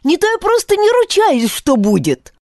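A nasal, bossy creature that lurks out of sight, grumpy and ill-tempered, snapping commands, as a woman reading the story puts it on. High and jumpy in pitch, with a dry close sound. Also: huge pitch swings, moderate pace, a little mellow, no echo, exaggerated voice. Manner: nasal, bossy, barking orders. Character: unseen bossy shirt-eating creature with a nasty temper.

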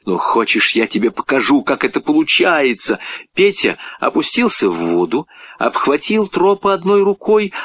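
A man reading a children's story aloud with expressive, swinging delivery. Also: a little high, dry recording.

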